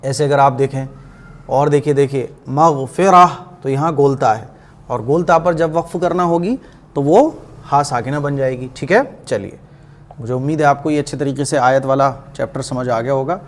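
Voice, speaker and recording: In a patient lesson, a man teaches Quran reading, asking questions and answering them himself while slowly drawing out the words he recites to demonstrate them. His voice is medium-pitched with a darkish tone.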